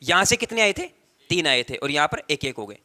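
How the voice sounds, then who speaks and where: A man's voice: a little high, big pitch swings, sharp tone. A male tutor giving a lecture, explaining step by step and repeating key phrases, stretching out words for emphasis. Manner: explanatory, repetitive, drawn-out stressed words. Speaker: technical tutor. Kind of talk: classroom lecture at a whiteboard.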